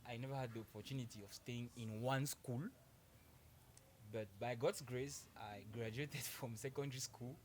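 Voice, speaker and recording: A man's voice: mid-range voice, steady tone, normal speed, slight background noise. Polite young man from Cameroon. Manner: polite, laughs often, speaks in short restarts. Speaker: guest. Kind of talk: casual interview.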